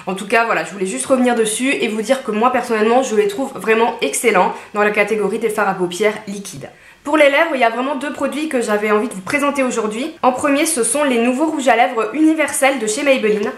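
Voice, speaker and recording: A woman's voice: a little high, fast talker, echoey room. A woman reviewing beauty products in a chatty, casual vlog from her home, with frequent fillers and asides. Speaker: beauty vlogger.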